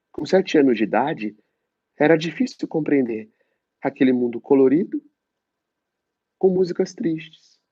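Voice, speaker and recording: A man's voice: on the high side, dry recording, voice pushed up, exaggerated voice. A man acting a tormented asylum patient. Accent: Brazilian. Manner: anguished, pleading, wavering between loud and hushed. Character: troubled young man locked in an asylum. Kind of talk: theatrical monologue reading. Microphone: phone. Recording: dull lo-fi phone audio.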